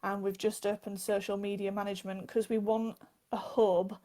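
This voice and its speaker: A woman speaks as a guest on a live phone interview. She talks in an earnest, open way, with a voice of ordinary pitch for a woman. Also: level tone, moderate pace, warm tone. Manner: earnest, laughs between phrases. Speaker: guest, author and advocate. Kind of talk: casual interview answers.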